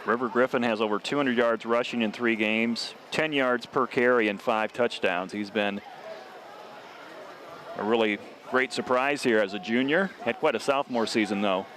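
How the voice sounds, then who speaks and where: A man calling a local high school football game play-by-play as the regular announcer. He talks steadily and climbs sharply on scoring plays. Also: fairly even intonation, normal speed, a bit bright, slight background noise.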